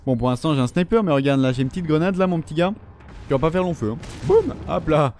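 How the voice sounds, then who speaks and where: Young guy doing let's play commentary, kinda high voice, swearing and trash-talking the enemies, faint gunfire in the background. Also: fast, slight background noise. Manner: swearing, taunting enemies, animated. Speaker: gaming video host. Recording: faint game gunfire underneath.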